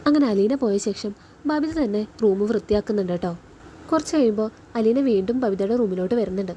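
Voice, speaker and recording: Woman, Kerala Malayalam accent, serial recap storyteller; quick, chatty, mellow tone, slightly high. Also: a little hiss or hum. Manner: chatty, adds a friendly particle to each sentence.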